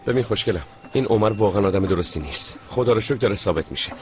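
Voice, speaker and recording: A man's voice: on the low side, close to an everyday voice. A man voicing a suspicious young man who keeps meddling, in a dubbed TV drama, insistent and persuading. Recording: dubbed dialogue over loud score music.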